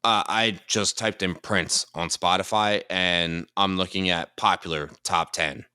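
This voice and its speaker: Low, bright-voiced rambling man. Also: fairly even intonation, a little slow, clear, resonant tone, dry recording, studio quality. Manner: rambling, thinks aloud with many fillers. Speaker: podcast co-host; dancer. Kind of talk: casual chat.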